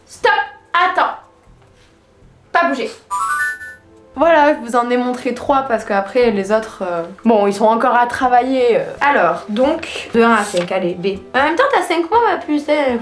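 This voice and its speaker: A young woman from France chatting casually in a vlog at home, playfully talking to her puppy in between. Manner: playful, breaks into high sing-song baby talk with the dog. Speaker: vlogger. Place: home, indoors. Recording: echoey room with background music.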